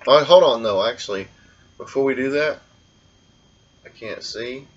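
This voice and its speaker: A man hosting a casual blindfolded taste test, talking in a relaxed, rambling way. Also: mid-range voice, a little slow, slightly rough, dull audio. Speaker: food vlogger.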